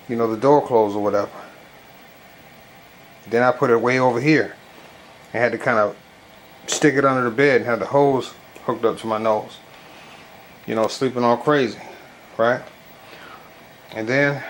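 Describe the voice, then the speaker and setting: Here a man of medium pitch reviews a home product on video from his bedroom, rambling in a colloquial, halting way full of verbal tics. His nose sounds blocked, like it's packed with gauze, and the noisy recording has obvious background sound.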